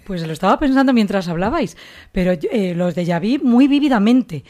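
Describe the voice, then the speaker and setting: Invitada española, autora, habla pensativa y dubitativa, tono medio. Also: female voice, medium pitch, lively intonation, brisk, darkish tone. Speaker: radio guest, author. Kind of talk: casual radio chat.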